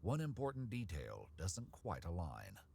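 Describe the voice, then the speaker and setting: A man reading scripted narration for a crime documentary in a measured, even way. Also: sits low, vocal fry, breathy edge.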